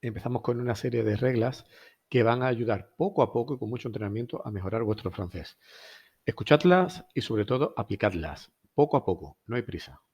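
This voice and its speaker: A man's voice: medium pitch, fairly quick, darkish tone, slightly rough, no room sound. A man teaching a French lesson in a chatty way, often asking rhetorical questions. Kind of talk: recorded lesson.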